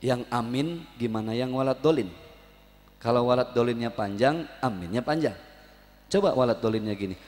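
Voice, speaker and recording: A man from Jakarta preaching a lively sermon, quizzing the congregation and joking with them in call-and-response. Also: medium pitch, normal speed, long reverb tail, slight background noise. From Betawi, Jakarta. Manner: animated, humorous, quizzes the congregation. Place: prayer hall at an evening gathering.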